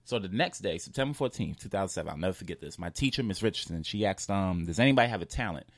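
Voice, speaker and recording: A man's voice: low voice, expressive, fast talker, no room sound. A young man from New York with a slight lisp, a comedian telling loose, profane stories in a casual interview. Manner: loose, storytelling, cursing freely. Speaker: comedian guest.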